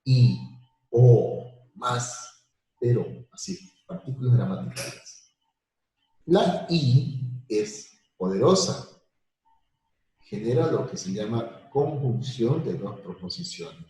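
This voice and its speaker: A man teaching a live online math lesson, explaining slowly with repetitions and everyday examples. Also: mid-range voice, mellow. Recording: very echoey room.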